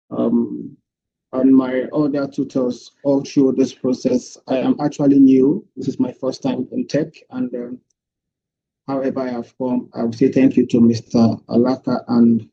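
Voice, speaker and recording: A man presenting his capstone project over an online meeting, heard through screen-recorded call audio, walking through his slides with frequent hesitant pauses. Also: medium pitch, vocal fry, lo-fi sound, background noise. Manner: steady walkthrough with frequent hesitant "um"s. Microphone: computer or headset mic on a video call.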